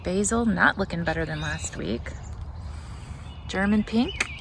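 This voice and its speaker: A woman hosts a garden vlog, giving a casual walking tour of her outdoor backyard vegetable garden while chatting and thinking aloud. Her mid-range voice is gravelly and measured in pace, and the noisy outdoor recording carries birdsong and ambient sound.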